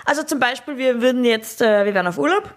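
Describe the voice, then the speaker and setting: A young woman with an Austrian accent, co-hosting a podcast in casual chat, talking fast and laughing often. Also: fairly high pitch. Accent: Austrian German. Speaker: podcast co-host.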